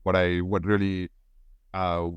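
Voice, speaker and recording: A man in his forties from India, a guest on a podcast, telling his story in a relaxed, rambling way with many restarts. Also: sits low, unhurried, clean tone, no room sound, lo-fi sound. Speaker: guest film editor. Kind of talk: casual podcast interview.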